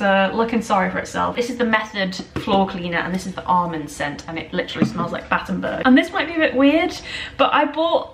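Woman's voice with cave-like echo. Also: on the high side. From northern England. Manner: chatty, self-mocking. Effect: cave-like echo of an empty house. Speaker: vlogger. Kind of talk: casual vlog chat. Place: empty house, bare rooms indoors. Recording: echoey empty room, faint noise.

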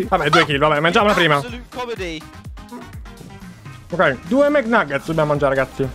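A young Italian man chatting excitedly to viewers while reacting to gameplay as a gaming YouTuber. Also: fairly high pitch. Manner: animated, chatty, addresses viewers as "ragazzi". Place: home gaming room.

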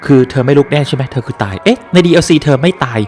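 A fairly high-voiced man chatting through a horror game stream, exclaiming and joking as he plays. Faint game music sits underneath his voice. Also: racing. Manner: excitable, exclaiming and joking while playing. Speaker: gaming streamer. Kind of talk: casual let's-play commentary.

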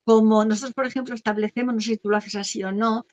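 A woman talking as an interview guest, explaining her therapy work in a lively way and acting out quoted voices, with frequent restarts. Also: a little high, fast. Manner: animated, acts out quoted voices, many restarts. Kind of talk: conversational explanation. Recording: dull lo-fi sound.

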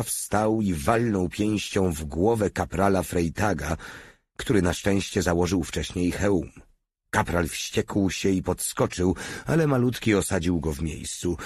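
A man narrating an audiobook in a steady storytelling manner. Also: deep voice, measured pace, breathy edge, dry recording.

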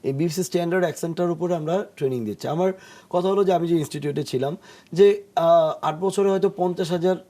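Mellow, higher-voiced man on a talk show. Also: fast. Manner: explains patiently, acts out jokes in English, many hesitation sounds. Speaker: studio guest, English pronunciation teacher. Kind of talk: explanatory talk-show conversation. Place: TV studio.

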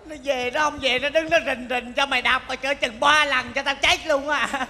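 A man's voice: extremely high pitch, steady tone, moderate pace, pushed and bright, slight background noise. A man, playing a cheeky, grumbling hired mourner in a stage comedy sketch. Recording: stage recording in a reverberant hall.

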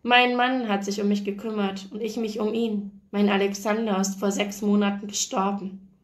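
A woman voicing a frail, tender old widow in a hospital bed, speaking slowly and gently. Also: mid-range voice, little pitch movement, close to an everyday voice. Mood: wistful.

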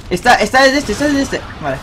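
Excitable young Spaniard commenting gameplay. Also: male voice, very high-pitched, normal speed, slight background noise. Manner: excitable, swears and shouts on big plays. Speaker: gaming streamer.

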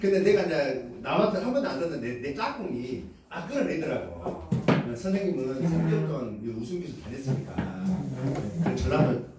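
A man's voice: fairly high pitch, big pitch swings, fairly quick, very noisy. A man from Korea's Jeolla region giving a motivational lecture to a live audience, leading call-and-response and acting out quoted lines with frequent laughter. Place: lecture hall. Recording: echoey hall, heard from a distance.

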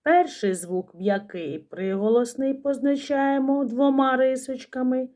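A woman teacher giving a slow, careful phonics lesson to young children, sounding out each letter. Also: high-pitched, darkish tone.

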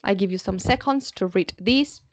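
A woman with a Spanish accent teaching an English exam-prep class online, checking in often with her students and slowing down to model English examples. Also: mid-range voice, slight background noise. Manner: switches between Spanish and English, frequent "vale?" check-ins.

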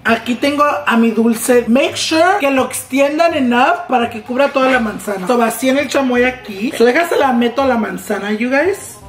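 High-voiced young man hosting a cooking vlog. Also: moderate pace, few pauses, noisy background. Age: young adult. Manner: switches between Spanish and English, jokey and crude. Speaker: cooking show host. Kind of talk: casual bilingual cooking vlog. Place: living room, seated at a table on a couch. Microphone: fixed camera across the table. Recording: roomy echo.

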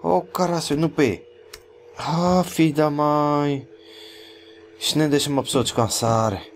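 A man with a European Portuguese accent giving live horror game commentary, full of panicky exclamations and rapid repeated words. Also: on the high side, slight background noise. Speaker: gaming video creator.

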